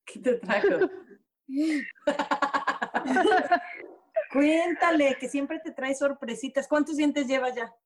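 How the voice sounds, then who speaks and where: A woman co-hosts a chatty show over a video call, lively and warm with her children. Her voice sits high. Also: very slow, long pauses, crowd noise. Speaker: co-host. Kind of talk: casual TV chat.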